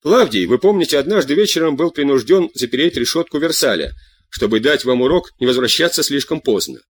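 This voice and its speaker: A man voicing a calm, stubborn middle-aged king who answers with dry irony and long cool lectures, in an audiobook reading. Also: mid-range voice, brisk, breathy edge. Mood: sardonic. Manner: cool, sardonic, lectures at length.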